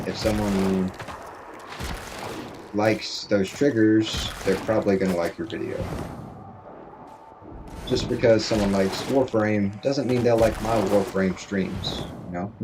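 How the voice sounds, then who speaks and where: A man's voice: low-pitched, noisy background. A man streaming a game from his home stream room, chatting with viewers in a rambling, easygoing way and laughing often into his desk mic. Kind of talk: casual chat with viewers while gaming. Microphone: desk microphone.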